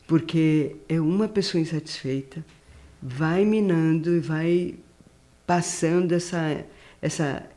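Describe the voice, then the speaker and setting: Brazilian woman hosting a podcast, slow and hesitant, soft mellow voice. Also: deep voice. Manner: hesitant, searching for words, agreeing. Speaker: podcast host. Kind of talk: conversational podcast interview.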